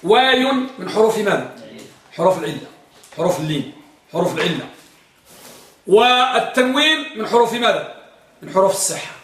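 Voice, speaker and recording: High-voiced teacher in echoey classroom. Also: male voice, big pitch swings, a bit bright, slight background noise. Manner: quizzes students, repeats examples slowly with emphasis. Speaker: grammar teacher. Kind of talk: classroom lesson. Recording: echoey room from far off.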